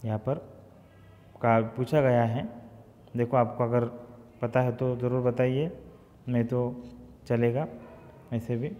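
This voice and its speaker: A man's voice: medium pitch, little pitch movement, slow, long pauses, mellow. A man teaching a Hindi class, reading a story aloud and explaining it, repeating lines and asking the class questions, recorded in an echoey room with long reverb.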